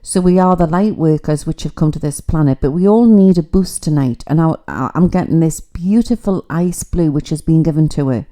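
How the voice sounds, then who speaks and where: Woman, middle-aged, low and warm, chatty mystical livestream psychic. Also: normal speed, few pauses. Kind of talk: casual livestream spiritual reading.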